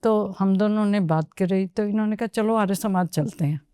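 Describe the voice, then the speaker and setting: A woman appears as a guest on a podcast interview, telling her story at an unhurried pace and slipping English phrases into her Hindi. Her mid-range voice has a dark, clean tone, and the studio-quality recording has no echo.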